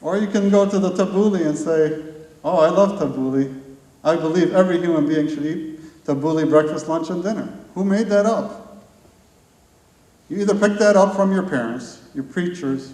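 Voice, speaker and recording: A man's voice: a little high, moderate pace, mellow. A man giving a live conference talk to an audience, asking rhetorical questions and building long repeated lists. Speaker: conference speaker. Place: large hall. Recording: echoey hall from far off.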